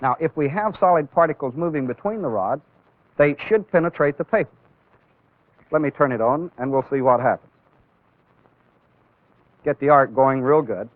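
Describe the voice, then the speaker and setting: A male training-film instructor with a voice on the high side delivers an instructional demonstration lecture. He explains deliberately, step by step, leaning on key words. The old film soundtrack is dry, tinny, band-limited and phone-like.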